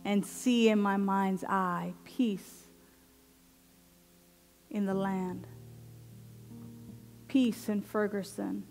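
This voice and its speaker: A woman minister leading a guided affirmative prayer in slow, deliberate, meditative phrases with long pauses. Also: medium pitch, steady tone, gravelly, a little mellow, faint music behind. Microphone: headset microphone.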